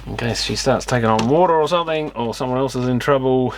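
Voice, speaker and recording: Fast and medium-pitched, an electronics repair vlogger gives off-the-cuff remarks as he inspects gear in his workshop, muttering and mildly grumbling to himself. The audio comes from a clicky external camera mic with clear noise.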